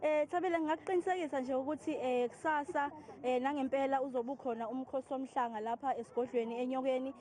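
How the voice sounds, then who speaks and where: Woman, Zulu accent, live news reporter, very mellow tone, quick pace, hesitant fillers. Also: high voice, steady tone.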